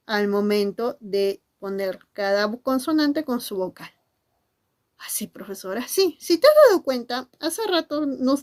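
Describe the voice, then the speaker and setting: A woman teacher gives an animated lesson to camera, asking questions and answering in the voices of her students. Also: fairly high pitch. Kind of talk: classroom-style lesson to camera.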